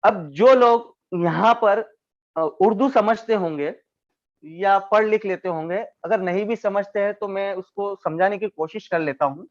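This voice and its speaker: High-voiced male trainer, lo-fi call. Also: measured pace. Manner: explanatory, keeps addressing listeners as friends. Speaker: network marketing trainer. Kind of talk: online training talk.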